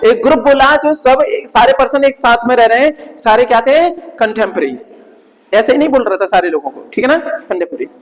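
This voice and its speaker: A man's high voice fills a projector-equipped classroom as he runs through vocabulary a little fast, repeating every word several times with lively intonation. He keeps asking "right?" after almost each phrase. The room's long reverb rings through the recording.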